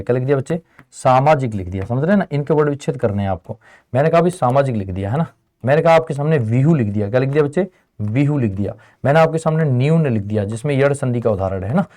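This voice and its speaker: A man teaching a lesson at a quick clip, firing questions at his class and answering them in the same breath. His pitch sits in an ordinary middle range. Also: darkish tone. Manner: call-and-response questioning, addresses students as children. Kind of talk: classroom lecture.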